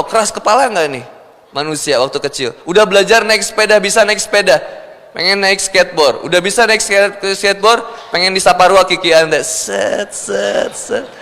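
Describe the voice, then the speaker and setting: A man preaching with a Sundanese accent, telling stories playfully and acting out a married couple's quarrels. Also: high voice. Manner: lively storytelling, acting out both sides of a married couple's spat. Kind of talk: humorous sermon. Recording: long hall reverb.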